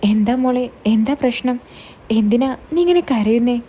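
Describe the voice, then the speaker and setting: A kind, protective middle-aged man speaks gently and reassuringly, as a woman narrator voices him. The voice stays mellow and a little husky, close to the storyteller's own. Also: a little high, lively intonation, normal speed. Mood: concerned. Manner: gentle, consoling. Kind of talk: storytelling, quoted dialogue.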